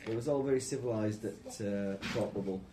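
A man's voice: on the low side, a little fast. A man chatting casually as a player in a tabletop role-playing game. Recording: noisy home-style group recording.

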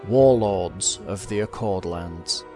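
A man's voice: deep voice, slow pace, mellow, soft background music. A man narrating a mock-epic trailer intro for a podcast, dramatic and tongue-in-cheek.

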